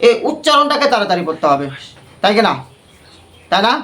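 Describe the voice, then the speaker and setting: A man's voice: sits high, big pitch swings, brisk, bright, forceful tone. A man teaching a Quran recitation class, quizzing the class with repeated questions and leading call-and-response.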